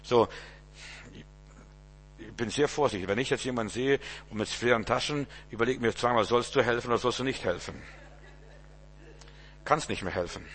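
A man in his fifties delivers an informal sermon as a pastor. He talks conversationally, throws in rhetorical asides to his listeners, and often repeats words as he goes. His voice sits at an ordinary male pitch. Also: normal speed, pauses often, a bit bright, a little hiss or hum.

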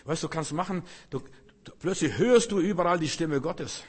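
A middle-aged man, a pastor, preaching a sermon with emphatic swings between loud calls and hushed, drawn-out phrases. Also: a little high, breathy edge. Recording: long reverb of a large hall.

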